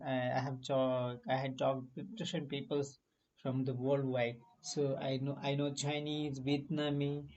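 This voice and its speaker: A man's voice: medium pitch, low-quality recording. A man chatting in non-native English on a voice call, repeating himself and talking at length. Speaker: conversation partner. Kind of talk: casual conversation practice.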